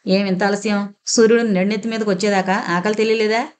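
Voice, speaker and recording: A woman playing a shrill scolding stepmother. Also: steady tone, fast, close to an everyday voice. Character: sharp-tongued jealous middle-aged stepmother.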